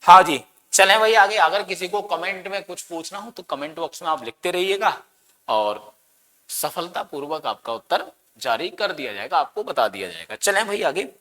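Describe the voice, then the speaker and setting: A man's voice: sits high, animated, moderate pace, bright, forceful tone. A man teaching an exam-prep grammar lesson, asking his students questions and answering them himself, dramatically stretching words for emphasis. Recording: long echoing reverb.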